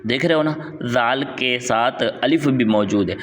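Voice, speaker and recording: A man teaching Quran letter reading, drawing out each syllable in a slow chant, then explaining quickly and repeating sounds patiently. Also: medium pitch, a bit bright, in a large hall, a little hiss or hum. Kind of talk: step-by-step recitation lesson.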